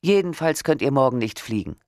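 A man voicing a male relative delivering bad news flatly on the phone, in an audiobook reading. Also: medium pitch, a little fast, no echo, clean studio sound, natural voice. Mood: matter-of-fact.

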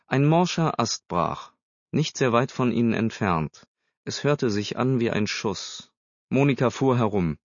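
A man reading a story aloud as narrator, steady and measured. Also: mid-range voice, dry recording. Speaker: audiobook narrator. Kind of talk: scripted narration. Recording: slightly dull dry recording.

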